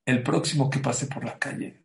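A man voicing a stern father king who lays down a final decision in a quiet, firm voice. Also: mid-range voice, fairly even intonation, moderate pace, creaky, natural voice.

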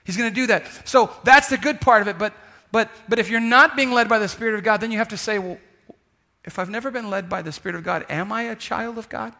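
A man's voice: sits high, quick pace, creaky, bright, forceful tone. A man preaching a conversational sermon as a pastor, emphatic and repeating phrases for effect.

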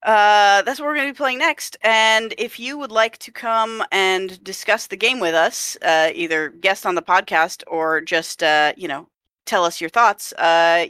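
A woman's voice: mid-range voice, sharp tone, clean tone, no room sound, clean studio sound. A woman hosting a game podcast, chatting casually and laughing easily. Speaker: podcast host.

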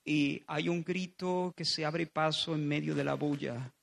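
A man from preaching a sermon, building from quiet storytelling to loud, emphatic repetition. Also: fairly high pitch, fairly even intonation, a little slow, gravelly.

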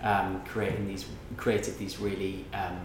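A man's voice: low voice, monotone, unhurried. A man hosting a casual chat, rambling and reflective with many fillers. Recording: roomy echo, background noise.

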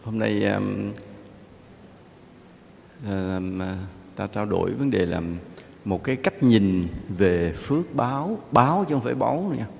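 Male monk, low gravelly voice, relaxed dharma talk, reverberant temple hall, faint ambience. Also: unhurried, long pauses, a little hiss or hum. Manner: relaxed, conversational, gently joking. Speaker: Buddhist monk teacher.

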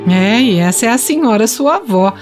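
A woman's voice: on the high side, lively intonation, moderate pace, music in the background, natural voice. Actress as fond Brazilian mother telling family stories. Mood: fond, proud. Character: proud, reflective mother telling family history. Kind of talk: radio soap opera acting.

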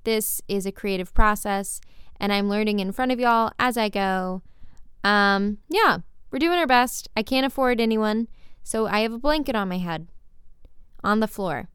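A woman podcast host speaks from under a blanket spread over her on the bedroom floor, so her voice sounds completely dry and close with no room around it. Her tone is smooth and clear. She talks in a loose, chatty, apologetic ramble straight to her listeners. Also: medium pitch, normal speed, fairly bright tone, no echo. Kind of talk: casual spoken apology to listeners.

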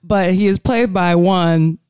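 A woman's voice: lowish voice, slow, darkish tone, smooth, dry recording, clean studio sound. A young woman co-hosting a podcast in casual chat, talking with lots of fillers and laughing often. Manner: chatty, giggly, full of fillers. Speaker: podcast co-host.

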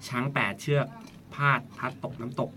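A man's voice: medium pitch, flat delivery, normal speed, pushed and bright, slight background noise. A man hosting a casual podcast, telling a story in a chatty way and repeating words as he thinks. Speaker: podcast host.

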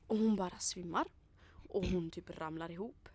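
A woman's voice: on the low side, darkish tone, husky, dry recording. A young woman from Sweden in casual chat, retelling a night out with acted quotes and lots of fillers. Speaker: storyteller in a chat.

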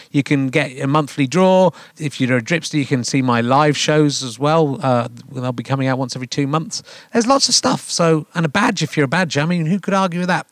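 A man's voice: a little high, fairly bright tone. A man of fifty hosting a live comedy podcast on a theatre stage, chatting in a self-mocking, rambling way full of fillers. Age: 50s. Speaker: podcast host. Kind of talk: comic stage banter.

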